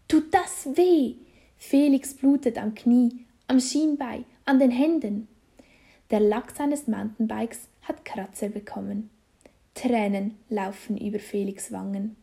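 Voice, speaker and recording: A woman reading a children's story aloud, slow and deliberate. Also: on the high side, creaky, warm tone.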